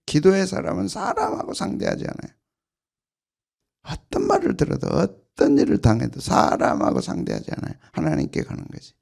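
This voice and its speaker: Male senior pastor, sermon delivery, repeats lines for emphasis, lively pitch swings. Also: moderate pace, gravelly, husky. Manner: emphatic and repetitive, with sudden loud bursts and soft drops. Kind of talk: early-morning prayer sermon.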